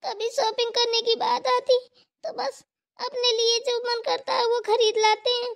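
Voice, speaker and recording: A woman voicing a gentle young wife who consoles and rambles about her complaints, in a cartoon. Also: very high-pitched, little pitch movement, a little slow, vocal fry, heavily acted. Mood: complaining. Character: gentle young wife, bhabhi, soothing and chatty. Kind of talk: cartoon voice acting.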